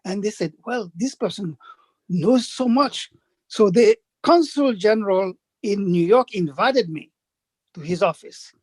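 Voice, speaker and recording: A man, the guest of an interview, recounting his life in a measured storytelling way. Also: high-pitched, expressive, darkish tone, husky, no echo. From Dominican Republic, raised Haitian. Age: 80s. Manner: measured storytelling, acts out quoted speakers.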